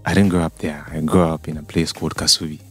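Male guest from Uganda, low voice, easygoing and hesitant. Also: fast talker, breathy edge, faint music behind. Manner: relaxed, hesitant with many ums. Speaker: singer-songwriter guest. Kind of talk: radio interview.

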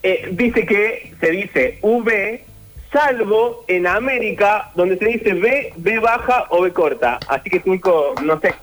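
High-voiced Argentine man. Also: lively intonation, slow, a bit bright, low-quality recording. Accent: Argentine Spanish. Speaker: radio show panelist. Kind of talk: casual studio banter.

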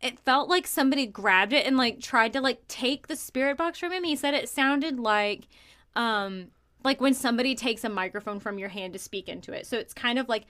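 Young woman podcast co-host, slightly high voice, chatty and animated storyteller, filler-heavy. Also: fairly quick. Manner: animated, filler-heavy retelling of a ghost hunt. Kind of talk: casual chat storytelling.

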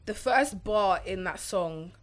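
A young woman, co-hosting a casual podcast chat, talkative and quick to laugh. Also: medium pitch, expressive. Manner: chatty, laughing, slangy. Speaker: podcast co-host.

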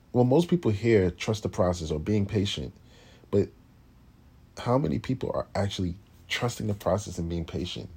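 A classical pianist tells his story bluntly and casually, swearing freely and doing animated impressions of other people. His voice sits low and sounds creaky and husky.

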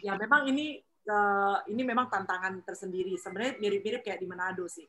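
A woman speaking, giving a casual faith talk. Her delivery is lively and chatty, with steady tag questions. She slips into playful voices for the people she quotes, and her pitch sits in the middle range. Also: brisk, slight background noise.

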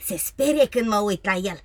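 A bossy, teasing robber girl from a radio play. Her voice is bright and fairly high, and she jokes in a rough, mischievous way. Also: huge pitch swings, no room sound, heavily acted. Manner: teasing, bossy, laughs often. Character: bold cheeky young robber girl.

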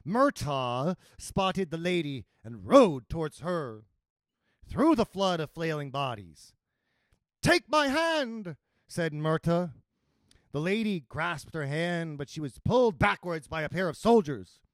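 A man narrating a comic fantasy tale with a playful, expressive delivery. His voice is fairly high, slow-paced and full of swings in pitch, recorded close and dry. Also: no room sound. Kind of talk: storytelling narration.

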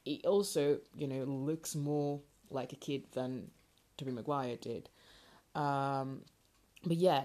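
A woman's voice: rumbling low, gravelly, dark tone. A woman hosting a casual solo podcast from her garage on a makeshift microphone, talking informally and hesitantly in a rambling way. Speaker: podcast host. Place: in a home garage, parking space indoors. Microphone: makeshift, not a proper microphone. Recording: amateur garage recording, makeshift mic.

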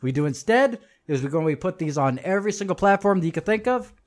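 A man with a voice pitched a little above the usual leads a lesson, reading passages aloud and breaking off to comment on them. He talks emphatically and often repeats a phrase for stress, turning to address his listeners directly. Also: expressive, fast. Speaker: religious teacher.

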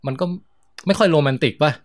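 A man chatting casually on a podcast, playful and joking. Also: a little high. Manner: playful, joking, fast-talking. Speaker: podcast guest.

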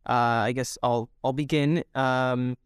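Earnest young man, smooth clear voice. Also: mid-range voice, steady tone, unhurried, dry recording, clean studio sound. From Mexico, raised in Toronto. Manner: earnest, many fillers. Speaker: guest, army reservist. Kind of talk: interview answers.

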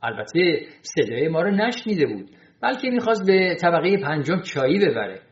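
A man narrating a humorous short story in an expressive storytelling manner. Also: fairly high pitch. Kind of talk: storytelling reading. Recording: roomy, dull sound.

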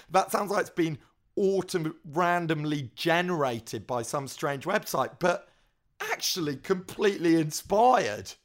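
A man hosting a casual podcast and presenting segments in a brisk, upbeat way. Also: on the high side. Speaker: podcast host.

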